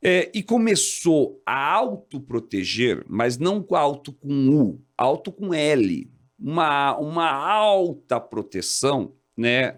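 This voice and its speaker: A man in his forties, a fire department officer, talking as an interview guest in an animated, explanatory way. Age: 40s. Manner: animated, explanatory, jumps high when quoting others. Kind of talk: casual interview talk.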